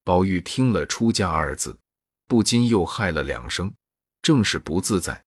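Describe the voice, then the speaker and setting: Male narrator, classical novel reading, deep voice, husky, dry close recording. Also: expressive, normal speed, no room sound. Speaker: audiobook narrator.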